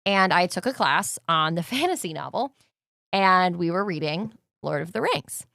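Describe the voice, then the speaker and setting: Femme jeune, co-animatrice de podcast, raconte avec entrain, voix sèche et proche. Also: female voice, on the low side, normal speed, vocal fry, no echo, studio quality. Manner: animated storyteller, laughs often. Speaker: podcast co-host. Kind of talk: casual chat.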